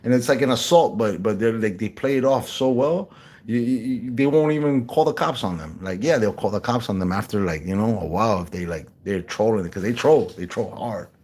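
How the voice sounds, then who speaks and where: A man talks casually in a slangy, rambling way, restarting often and calling the listener bro. He speaks fairly quickly in a somewhat mellow voice and imitates the people he quotes by going higher.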